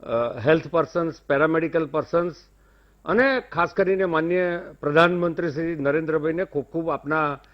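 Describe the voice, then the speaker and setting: A man's voice: on the high side, normal speed, dull audio. A man with a Gujarati accent, a guest on a TV news debate, speaking formally and courteously. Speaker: debate guest, industry-side panelist. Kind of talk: measured debate commentary.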